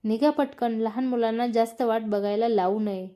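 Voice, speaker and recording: A woman reads a gentle young man from a spoken romance story, caring and softly teasing. The delivery stays calm and unhurried. The tone is warm and mellow and sits fairly high. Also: natural voice.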